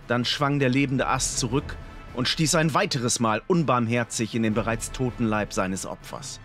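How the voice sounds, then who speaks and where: A man narrating a fantasy audiobook in a dramatic, expressive storytelling manner. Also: mid-range voice, moderate pace, soft background music.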